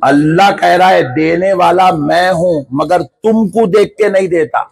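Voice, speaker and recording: A man's voice: high voice, a little slow, gravelly, breathy edge, no echo. A man preaching a sermon to a gathering, listing things in rhythmic repetition and building to impassioned cries. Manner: rising into impassioned shouted crying-out. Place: large gathering with live crowd.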